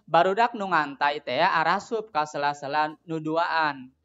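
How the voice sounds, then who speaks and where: A middle-aged man with a Sundanese accent, teaching a primary class in a recorded lesson and explaining a children's game slowly and patiently. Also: a little high, bright, forceful tone, highs cut off. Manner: explains slowly, switching between two languages, sings a children's song.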